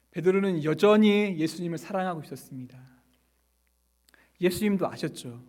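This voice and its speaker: A male pastor delivering a sermon, asking his listeners rhetorical questions and rising and falling for emphasis. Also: high-pitched. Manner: rhetorical questions, acts out quoted lines softly.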